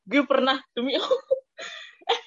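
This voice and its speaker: A young woman co-hosting a casual podcast, telling embarrassing stories in an animated way and laughing through the punchlines. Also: high-pitched, measured pace, no room sound, muffled recording. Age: young adult. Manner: animated storytelling, laughs into her own punchlines. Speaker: podcast co-host. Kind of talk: casual chat.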